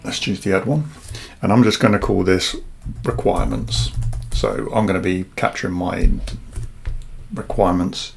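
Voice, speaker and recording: A man half whispering as he casually talks through his software project, thinking aloud with frequent fillers. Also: low-pitched, moderate pace, creaky, pauses often, a little hiss or hum. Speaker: software developer vlogger. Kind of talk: casual screen-share walkthrough.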